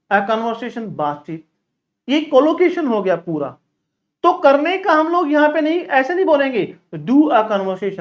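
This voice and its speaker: A man from India teaching an English lesson in Hindi, repeating example sentences slowly and addressing viewers as children. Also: extremely high pitch. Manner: slow, repetitive drilling of example sentences. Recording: slightly dull lo-fi recording.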